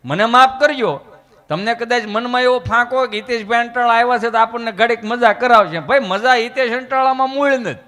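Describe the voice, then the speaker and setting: Comic storyteller: a man, high-pitched and folksy, on a stage in a hall with a long echo. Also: sharp tone. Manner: folksy, voices characters in anecdotes. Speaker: comedian. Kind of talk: comic storytelling to a live audience.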